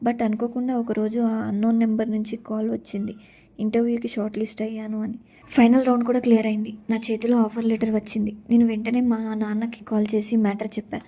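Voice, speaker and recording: A woman's voice: a little high, completely flat delivery, fast talker, mellow. A young woman narrating her own story in the first person, earnest and sorrowful.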